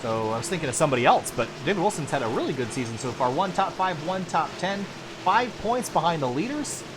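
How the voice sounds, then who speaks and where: A man calling sim racing play-by-play as lead commentator, quick and building excitement during the action. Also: a little high, noisy background.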